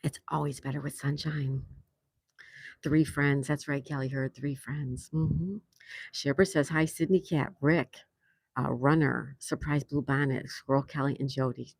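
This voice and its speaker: An older New Yorker hosts a casual outdoor patio livestream, laughing frequently as she reads viewers' messages aloud. Her voice is extremely low, gravelly and slightly rough, steady in tone and a little slow, recorded with no echo.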